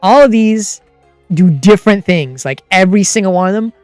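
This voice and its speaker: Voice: medium pitch, animated, moderate pace, darkish tone, clean tone, dry recording, soft background music. Chatty streamer with a dry, close sound. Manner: chatty, rambling. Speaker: streamer and game master. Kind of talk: casual livestream chat, explaining tabletop game rules.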